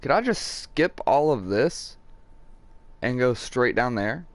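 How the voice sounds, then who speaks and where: Hoarse young man streaming a game. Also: mid-range voice, takes it slowly, dry recording. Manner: excitable, swears a lot, talks to chat. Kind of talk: casual live gameplay commentary.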